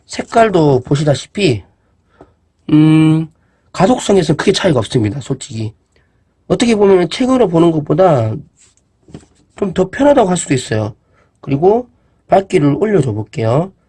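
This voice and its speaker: A man with a husky, slightly high voice reviews an e-reader in a casual demo vlog, speaking at normal speed and pausing often. He's relaxed and chatty, thinking aloud with fillers and asides as he shows the device off.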